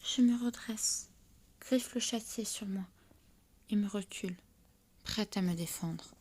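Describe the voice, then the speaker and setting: A woman narrating her own fan fiction audiobook in the first person, in a soft, often whispered reading voice, recorded at home. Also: medium pitch, a little slow, noisy background. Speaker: audiobook reader.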